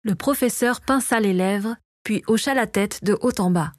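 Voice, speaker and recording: A woman reading a fantasy novel aloud as narrator, in a steady storytelling voice, close to the mic. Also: medium pitch, moderate pace, no echo. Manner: steady, even storytelling read. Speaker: audiobook narrator. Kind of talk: scripted narration.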